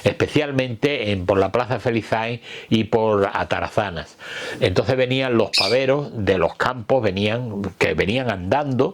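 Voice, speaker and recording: An older man from Málaga with an Andalusian accent, giving an informal local history talk in a halting way, repeating words as he searches for the next. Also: on the low side. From Málaga, Spain. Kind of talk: informal talk recalling old street vendors.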